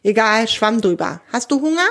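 A woman's voice: fairly high pitch, big pitch swings, moderate pace, a bit bright. A woman voicing a proud, friendly female wild boar in a children's audio story, speaking with dignity and easy indignation. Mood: indignant.

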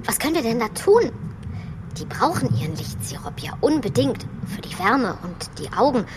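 A woman voicing a polite, curious little creature with lively questions in a children's audio drama. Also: on the high side, moderate pace, noisy background.

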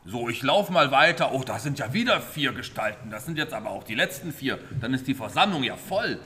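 A man leading a children's story play, asking playful, animated questions. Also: mid-range voice, a little fast, a little hiss or hum. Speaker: teacher leading a puppet play.

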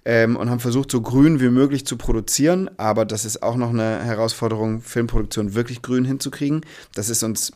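A man's voice: mid-range voice, brisk, hardly any pauses, a little mellow. Reflective man in a casual interview. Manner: reflective, earnest, searching for words. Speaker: interview guest, filmmaker.

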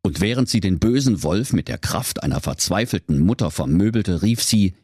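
A man narrating a comic fairy tale in a playful, expressive storytelling manner. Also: deep voice, moderate pace, breathy edge, no echo, studio quality.

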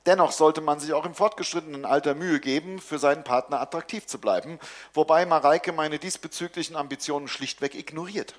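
A man reading a comic first-person story aloud in a dry, deadpan manner. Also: on the high side, fairly quick.

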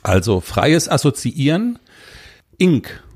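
A man's voice: a little high, big pitch swings, slow, a little mellow, breathy edge. A man co-hosting a podcast, chatting casually and rambling through free associations. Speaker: podcast co-host. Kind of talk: casual chat.

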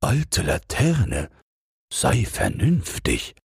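A man's voice: fairly low pitch, wildly swooping pitch, very slow, vocal fry, husky, no room sound, studio quality, voice pushed up, heavily acted. A man voicing the wind in a fairy tale, commanding and lecturing. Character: the wind, a bossy kindly old elemental.

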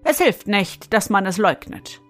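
A woman voicing a sulking king in a fairy tale who grudgingly admits defeat, slow and resigned, over faint music. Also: mid-range voice, lively intonation.

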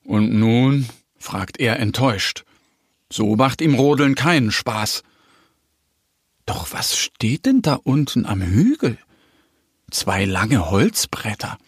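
A man narrating a children's audio story in a gentle, expressive storytelling manner. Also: mid-range voice, slow pace, long pauses, slightly rough, no echo, clean studio sound.

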